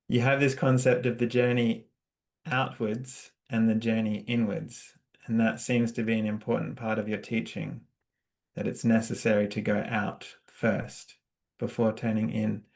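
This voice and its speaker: Australian male host, relaxed conversational interviewer, flat and even delivery, lots of ums. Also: lowish voice, measured pace, creaky. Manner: warm-hearted, hesitant, with many fillers and laughs. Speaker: podcast host.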